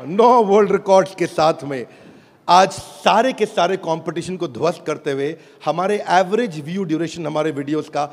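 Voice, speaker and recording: A man giving an energetic motivational business speech to a live audience, rallying the crowd. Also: fairly high pitch, normal speed, creaky. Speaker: business speaker pitching an app. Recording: echoey hall with crowd noise.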